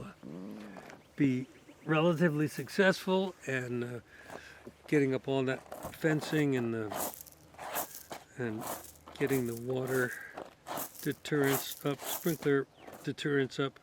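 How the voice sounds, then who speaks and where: A sick, coughing man rambling casually outdoors in his garden for his vlog, his voice going hoarse. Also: medium pitch, a little hiss or hum. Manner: rambling, many fillers and restarts. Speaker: garden vlogger.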